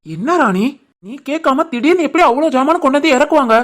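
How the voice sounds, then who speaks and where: Cartoon young husband voiced by a woman, fairly high voice, Tirunelveli Tamil accent, insistent and scolding. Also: lively intonation, a little fast, fairly bright tone. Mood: reproachful. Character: young village husband, stubborn but loving. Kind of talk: animated family drama voice acting.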